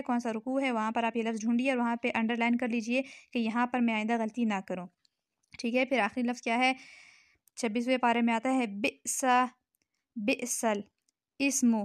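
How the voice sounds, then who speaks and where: A woman with a Pakistani Urdu accent teaching Quran recitation rules, patiently repeating each word slowly and checking in with her listeners. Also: a little high, no echo, clean studio sound. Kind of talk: tajweed lesson explanation.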